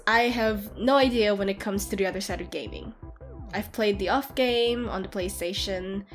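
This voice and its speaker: Acting as an excitable nerdy gamer girlfriend, a woman chats one-sidedly to her partner in a casual, curious mood. Her voice is a little high and natural, giggly and animated as she rants playfully, with game-like ambient music playing behind her.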